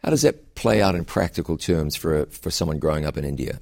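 A man who is a pastor and host, interviewing a guest with curious, quick follow-up questions and frequent restarts. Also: rumbling low, lively intonation, gravelly, darkish tone.

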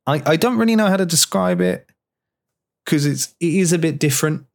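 A man's voice: fairly high pitch, fairly quick, creaky. Chatty male podcast host. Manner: chatty, relaxed, with fillers. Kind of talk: casual chat.

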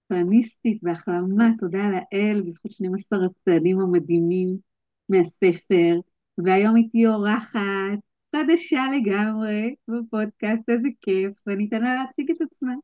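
A woman's voice: medium pitch, darkish tone, no room sound, highs cut off. A woman hosting a podcast in a chatty, upbeat way, with frequent fillers. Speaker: podcast host. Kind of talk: casual podcast chat.

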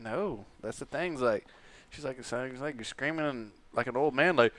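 A man's voice: medium pitch, normal speed, fairly bright tone. A man chatting casually with friends in crude, sweary, joking lad banter. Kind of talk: casual chat among friends.

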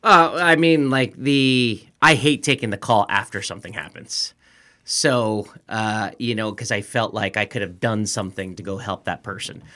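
A male guest on a talk show with a low, forceful, bright-edged voice. He explains his work in a plain, no-nonsense way. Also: moderate pace. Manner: direct and straight to the point. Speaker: guest, security systems consultant. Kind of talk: casual interview talk.

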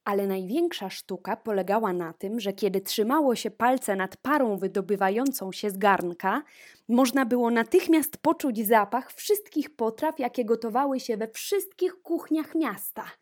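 A woman reading a fairy tale aloud in a slow, expressive storybook manner. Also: a little high.

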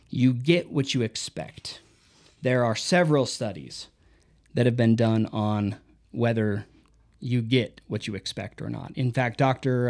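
A man's voice: mid-range voice, a little mellow. A man talking through a book in a casual, reflective review, reading out quotes and mixing in personal stories.

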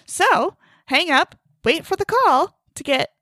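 A woman co-hosting a casual podcast, an animated, teasing storyteller who laughs easily. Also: extremely high pitch, slow pace, no echo. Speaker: podcast co-host. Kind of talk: casual chat.

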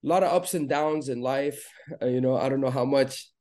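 A man from Lebanon talking as a podcast guest in a relaxed, rambling way with lots of fillers. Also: medium pitch, fairly quick. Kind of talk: casual interview chat.

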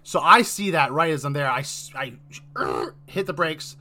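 Bright-voiced male podcast host. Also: fairly high pitch, lively intonation, unhurried. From Texas. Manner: rambling, many fillers and restarts. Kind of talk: casual storytelling.

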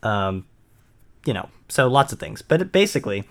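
A man's voice: mid-range voice, very animated, normal speed. A man from Maine co-hosting a podcast, explaining in casual chat with frequent ums and restarts. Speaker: podcast co-host.

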